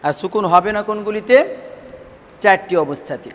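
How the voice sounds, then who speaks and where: Guy teaching a recitation class, pretty high voice, keeps quizzing the kids, echoey room. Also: slight background noise. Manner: asks students questions and repeats answers, drawn-out drilled syllables. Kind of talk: classroom lesson.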